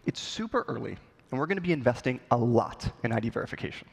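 A man's voice: medium pitch, animated, fast, vocal fry, husky. A man in his thirties presenting a polished, scripted keynote on a conference stage. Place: large conference hall, on stage. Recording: long hall reverb.

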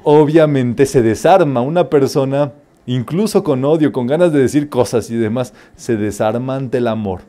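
A man's voice: medium pitch, moderate pace. A man giving a spiritual teaching talk, telling stories and rising emphatically on each numbered step. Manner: lively storytelling, rising emphatically on numbered steps. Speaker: metaphysics teacher.

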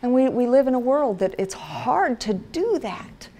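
A woman's voice: fairly high pitch, very animated, unhurried, mellow. A middle-aged woman giving a conversational church teaching to other wives, chatty and down-to-earth, slipping into everyday voices. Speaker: speaker at a women's Bible study.

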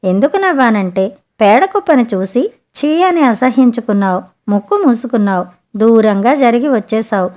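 A woman voicing a clever, sharp-tongued young sea maiden in a spoken storybook, talking frankly and chidingly. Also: on the high side, lively intonation, normal speed, close to an everyday voice.

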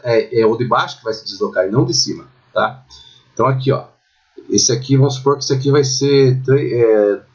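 A Brazilian man leads a screen-recorded design software lesson and keeps pausing to ask whether the viewer follows. His voice sits at an ordinary mid pitch. The audio comes through dull and lo-fi, like a basic screen capture. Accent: Brazilian Portuguese. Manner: chatty, checks in with the viewer constantly. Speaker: architecture software instructor.

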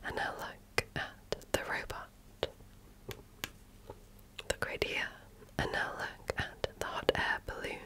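Here a female ASMR performer portrays a medical examiner, whispering breathily. Her manner is deliberate, gentle and patient, in keeping with soft-spoken personal attention.

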